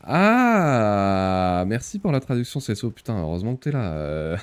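Young man, live streamer, casual chat, low mellow voice, lively swings. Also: quick pace. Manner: animated and chatty, laughs often, many fillers.

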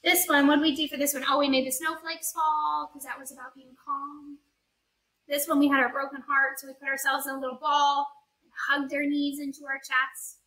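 A woman with a very high, bright voice speaks in the manner of a kindergarten teacher. She gives small children simple, encouraging instructions. The sound is roomy, picked up from a few steps away. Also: flat delivery, brisk. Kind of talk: kindergarten teacher talk, guiding young children through story yoga. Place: indoor yoga studio room. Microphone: camera mic a few metres away. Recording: roomy, distant camera microphone.

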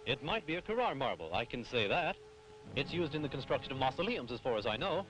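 A man's voice: medium pitch, sing-song, fairly bright tone, lo-fi sound. An actor playing a lab analyst who reports his findings in a 1950s dubbed film. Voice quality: measured, factual. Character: precise male lab analyst.

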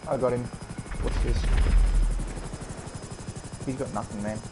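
A man's voice: medium pitch, fairly even intonation, unhurried. A man bantering and teasing his mates while gaming on a live stream. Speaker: gamer. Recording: loud background noise.

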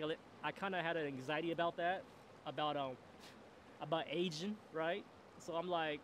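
A man's voice: on the high side, a bit bright, slight background noise. A man in his forties hosting a solo podcast outdoors, talking in a rambling, reflective way and saying "you know what I mean" over and over. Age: 40s. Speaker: podcast host. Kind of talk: casual solo monologue. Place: outdoors, seated in a camp chair in a river. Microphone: boom mic on a stand.

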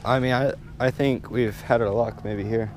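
A man's voice: medium pitch, fairly even intonation, normal speed, darkish tone, a little hiss or hum. A young man vlogging at a lakeshore, talking in a laid-back, rambling way. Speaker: fishing vlogger. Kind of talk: casual outdoor fishing chat. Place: lakeshore in woods, outdoors. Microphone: action camera.

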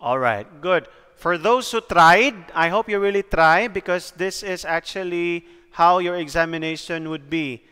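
A male teacher explaining a lesson slowly and deliberately, pausing to count and guide his students. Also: high voice, sharp tone, clear, resonant tone, big-room sound. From Philippines. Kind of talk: recorded classroom lesson.

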